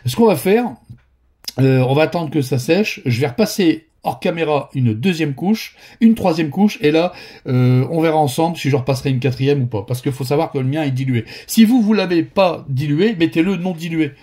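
A man with a northern French Ch'ti accent talks viewers through a miniature painting tutorial. He rambles and restarts often but stays friendly and direct. His voice is mellow and a little husky. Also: fairly high pitch, normal speed. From northern France. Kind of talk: casual spoken painting tutorial.

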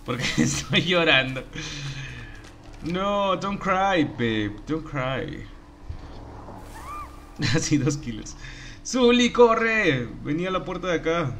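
Man, game streamer, teasing banter, animated pitch, music under him. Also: slow pace, pauses often. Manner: playful, teasing, bursts into excited yells. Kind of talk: casual live-stream commentary.

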